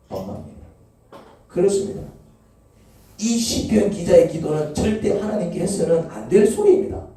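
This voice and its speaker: A man's voice: high voice, warm tone. A male pastor preaching a sermon in a church, peppering the congregation with rhetorical questions. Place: church sanctuary. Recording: echoey church hall, from far off.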